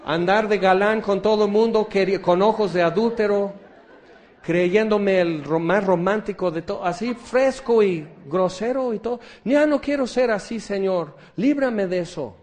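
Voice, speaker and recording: A man's voice: moderate pace, a little mellow, close to an everyday voice. A man acting out a tearful repentant man pleading with God. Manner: pleading, strained and high.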